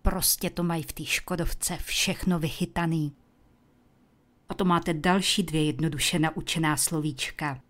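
Low-voiced woman teaching English slowly. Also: fairly even intonation, a bit bright. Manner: slow, deliberate enunciation of words to repeat. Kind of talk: language lesson with repetition drills.

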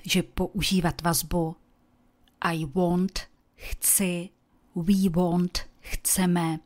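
A woman teaches English vocabulary in a calm, scripted lesson, and her voice sits a little low. She speaks in Czech and pronounces each English word slowly and deliberately, so her listeners can copy it. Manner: slow, careful demonstration of pronunciation.

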